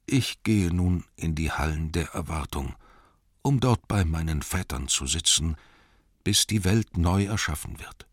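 A man's voice: low-pitched, animated, a little slow, breathy edge, no echo, clean studio sound, exaggerated voice. A man voicing a proud, solemn male dwarf king on his deathbed, formal and grave.

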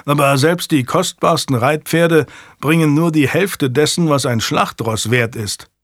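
A man voicing a practical, skeptical male stable master who speaks in a measured way. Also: a little high, dry recording, studio quality.

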